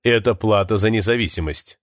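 A man's voice: lowish voice, fairly quick, dry recording, clean studio sound, close to an everyday voice. A man reading an audiobook, voicing a pompous president making a firm, official TV address.

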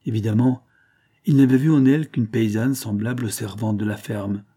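A man narrating a classic novel in a measured, even storytelling manner. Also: fairly low pitch. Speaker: audiobook narrator. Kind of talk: literary audiobook narration.

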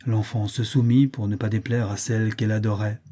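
A man narrating a classic short story as an audiobook reading, in a measured, literary storytelling manner. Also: fairly low pitch, little pitch movement, mellow.

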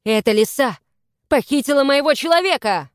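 A woman performing a quarrelsome young demon girl in an audiobook, shrill and pleading, her voice pitched well above the reader's own. The sound is dry and close. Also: lively intonation, moderate pace, dry recording. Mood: frantic.

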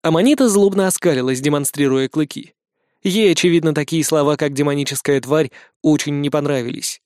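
A man narrating a fantasy audiobook, with lively, ironic asides. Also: a little high, fairly quick, dry recording, studio quality.

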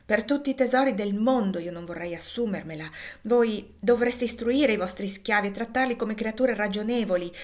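A woman's voice: medium pitch, flat delivery, fairly quick, hardly any pauses, a bit bright, lightly acted. A woman reading aloud and voicing a stern, principled spinster cousin who speaks earnestly and with indignation. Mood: indignant.

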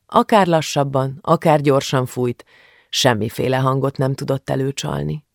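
Calm man narrating a novel, gravelly tone, mid pitch. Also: no echo, studio quality. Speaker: audiobook narrator. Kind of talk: scripted narration.

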